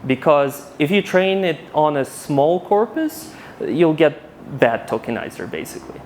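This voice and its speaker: A man in his thirties from Ukraine giving a conference talk with a handheld mic, animated and casual, often restarting his sentences. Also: a little high, a little slow, a little hiss or hum. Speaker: conference speaker. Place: conference hall.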